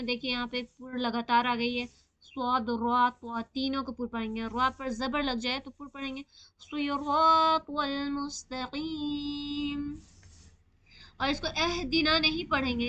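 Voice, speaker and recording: A woman teaching Quran recitation rules in a live online class, patiently repeating and slowly drawing out example words. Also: high-pitched, pushed and bright, highs cut off.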